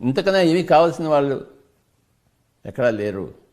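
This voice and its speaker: A man's voice: a little high, very animated, moderate pace, darkish tone. A man with a Telugu accent giving a spiritual discourse as a meditation teacher, preaching emphatically and firing off rhetorical questions.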